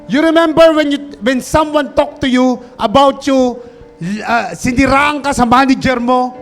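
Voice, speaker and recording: A male pastor preaching an animated sermon, mixing Tagalog and English, calling out to the congregation and shouting for emphasis. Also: very high voice, unhurried, faint music behind.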